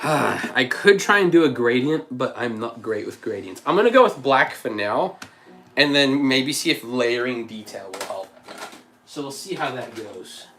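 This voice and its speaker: A man hosts a casual livestream, thinking out loud as he builds, chatting, and reading chat messages aloud. His mid-range voice is pushed and bright with lively intonation at a moderate pace, and a slight cough and frog in his throat linger. Faint music plays behind him.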